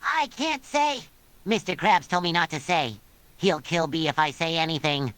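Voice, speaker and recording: A woman's voice: mid-range voice, normal speed, no echo. A text-to-speech woman's voice reading the lines of a nervous, secretive young male cartoon sea sponge. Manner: jittery, secretive, flat machine reading. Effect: synthetic text-to-speech voice. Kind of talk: text-to-speech chatbot reply.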